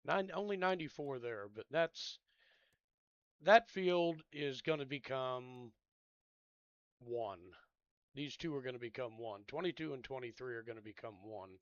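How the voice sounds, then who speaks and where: Easygoing male gameplay commentator, mid-pitched, rambling, dry close sound. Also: unhurried, dry recording, muffled recording. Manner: rambling, thinks out loud with trailing-off asides; laid-back and drowsy, yawns. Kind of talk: casual game commentary.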